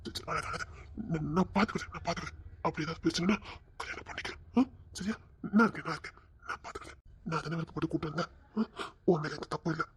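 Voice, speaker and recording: A woman's voice: deep voice, very fast, a little hiss or hum, close to an everyday voice. A woman voicing an eager young man who coaxes and reassures his girlfriend. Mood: reassuring. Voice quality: husky. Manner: coaxing, soft reassurances.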